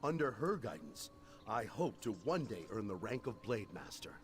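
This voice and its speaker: With crowd noise behind him, a man performs a fantasy video game's honorable sword apprentice in formal, solemn language. His lowish voice swings widely in pitch at a moderate pace, carrying an earnest, urgent, herald-like tone.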